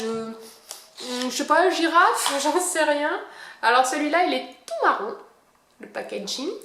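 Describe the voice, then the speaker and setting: A woman's voice: high-pitched, a bit bright, slight background noise. A woman chatting casually through a makeup product review, hesitant and self-deprecating, often searching for words. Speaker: beauty vlogger. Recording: echoey room.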